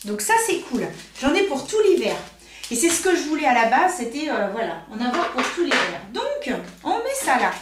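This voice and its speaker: A woman's voice: high-pitched, sing-song, moderate pace, noisy background. A French woman and nail technician chatting casually while unboxing, thinking aloud with many fillers. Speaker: nail technician and makeup artist. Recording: roomy echo.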